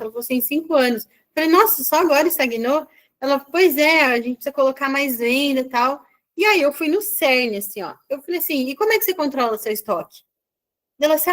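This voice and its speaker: A woman business mentor with a Brazilian Portuguese accent, giving an online mentoring session in a chatty, animated style full of quick asides. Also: sits high.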